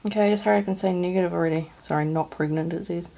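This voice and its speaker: A woman vlogs alone on a handheld camera, speaking very fast in a lowish, steady voice. Her manner is nervous, shaky, and breathy, and she often trails off into a near whisper during her casual narration.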